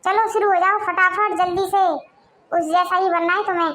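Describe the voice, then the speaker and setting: A woman's voice: very high-pitched, steady tone, moderate pace, a bit bright, a little hiss or hum. A woman voicing a bossy husband who harshly scolds his wife. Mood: harsh scolding. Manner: scolding, commanding.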